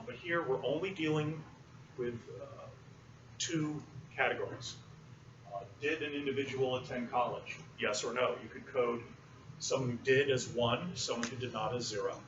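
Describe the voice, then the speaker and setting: A male university lecturer teaching a class in a relaxed, explanatory way, often pausing with fillers. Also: mid-range voice. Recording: roomy, muffled, distant classroom recording with noise.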